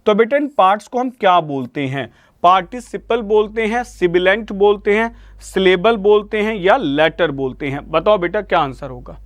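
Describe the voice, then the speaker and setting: Over and over, a man with an Indian accent calls his students "beta" as he coaxes them through an online vocabulary lesson and keeps asking for their answers. He speaks high at a normal speed, and the recording is dry.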